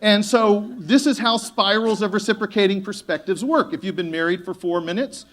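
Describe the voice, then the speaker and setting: A man giving a motivational conference talk, animated and joking, acting out the voices of the people he quotes. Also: high-pitched. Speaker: keynote speaker.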